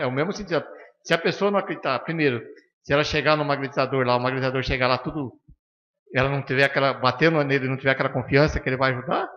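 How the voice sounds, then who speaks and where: Brazilian guy from curitiba teaching a spiritist class, talks fast and blunt, acts out little dialogues, muffled lo-fi sound bouncing round a hall. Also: mid-range voice. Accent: Brazilian Portuguese, from Curitiba. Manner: animated, acts out dialogues with patients; blunt and firm, frequent "né?" tags. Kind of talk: informal classroom lecture. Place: spiritist center lecture room. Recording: dull lo-fi sound with long hall reverb.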